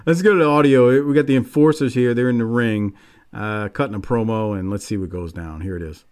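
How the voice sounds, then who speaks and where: Male podcast host, mid-pitched, dry and offhand, recapping wrestling in loose conversation. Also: fairly quick, noisy background. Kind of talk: casual wrestling recap chat.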